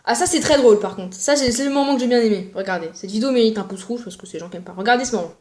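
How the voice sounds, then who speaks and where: A woman's voice: on the high side, racing, darkish tone. A young woman YouTuber giving casual, mocking commentary on other channels, joking and plugging her own videos. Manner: mocking, jokey, self-promoting.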